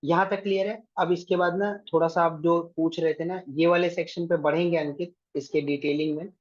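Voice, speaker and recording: A man's voice: fairly high pitch, fairly even intonation, a little fast, lo-fi sound. A man teaching an online exam-prep class, giving directions and often checking with his students. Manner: directive, keeps checking with "thik hai".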